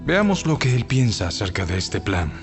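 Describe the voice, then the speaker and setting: A man's voice: on the low side, big pitch swings, moderate pace. An actor playing a commanding male rebel prince seeking counsel in an audio Bible drama. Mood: commanding, questioning. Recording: music behind.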